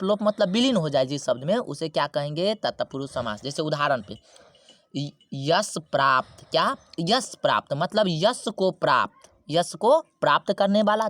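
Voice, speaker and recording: A man teaching a Hindi grammar lesson, repeating key words and asking rhetorical questions, slowing down to spell out terms. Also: on the high side, animated, a bit bright, no echo. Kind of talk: classroom-style grammar lesson.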